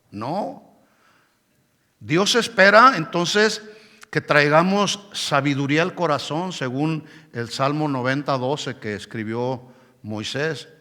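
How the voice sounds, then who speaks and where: A man preaching a sermon in a church hall, his bright, ringing voice sitting a touch high. He presses his points with emphasis and keeps turning to the congregation for a response. Long reverb trails off each phrase. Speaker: pastor.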